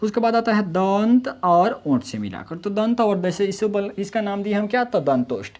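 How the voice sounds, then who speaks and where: A man's voice: high-pitched, sing-song, darkish tone. Man teaching with rhetorical questions. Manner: asks rhetorical questions and answers them, says "friends" often; sounds out letters slowly to demonstrate. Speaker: Hindi grammar teacher. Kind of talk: explanatory online lesson.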